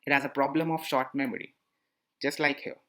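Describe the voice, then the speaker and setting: Over a screencast of slides, a male teacher explains a lesson in a medium-pitched, fairly bright voice with little pitch movement, talking a little fast. His delivery is repetitive, and he regularly poses questions to listeners.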